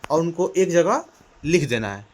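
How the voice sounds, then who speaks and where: In a small room, a man teaches children loudly and energetically, repeating questions to the class and sounding out letters. His voice is a little high with lively intonation, and he speaks a bit slowly.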